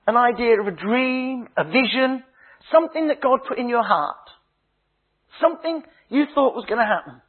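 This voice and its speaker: Husky preacher on a tinny line. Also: male voice, extremely high pitch. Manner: dramatic preaching, slow emphatic phrases dropping to hushed tones; humorous storytelling. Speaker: minister. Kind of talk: sermon. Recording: tinny phone-like sound.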